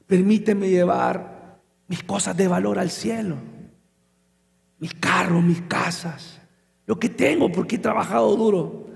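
A man voicing an elderly wealthy man who pleads softly and stubbornly to keep his riches. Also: high voice, a little slow, creaky, long pauses, long reverb tail, exaggerated voice. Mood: pleading.

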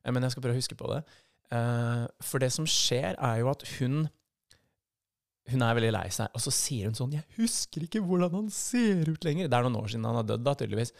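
A man's voice: mid-range voice, fairly even intonation, gravelly, no echo, clean studio sound. A Norwegian man co-hosting a podcast, telling a personal story in a casual, vivid way and acting out the voices of people in it. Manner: vivid, acts out quoted voices in his story. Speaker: podcast co-host.

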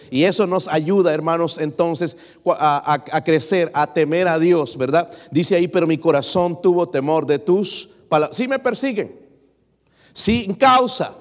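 A man preaching a sermon as pastor, addressing his congregation as brothers and putting questions to them. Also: a little high. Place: church. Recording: long reverb of a hall.

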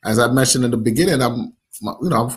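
A man's voice: medium pitch, slightly rough. A man from Nigeria, an app founder, talking casually in an interview with lots of fillers and restarts. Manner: many fillers, halting restarts.

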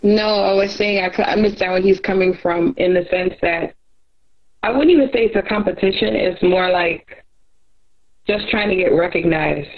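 A woman's voice: fairly low pitch, normal speed, dull audio. Woman on a breaking-up video call. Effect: on a video call with a connection breaking up. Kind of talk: casual chat.

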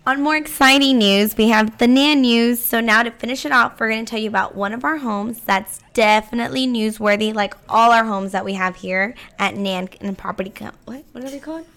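Playful woman co-host, voice worn hoarse. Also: a little high, steady tone, fairly quick, few pauses, a bit bright. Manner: playful, reads listings aloud with asides. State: hoarse, voice worn from staying up late. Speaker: co-host of a real estate news show. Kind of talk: casual chat.

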